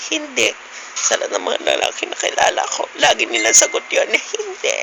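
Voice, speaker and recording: A man's voice: very high-pitched, wildly swooping pitch, a little fast, gravelly, noisy background. A young man vlogging casually, teasing his friends playfully with frequent giggles. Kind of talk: casual vlog chat.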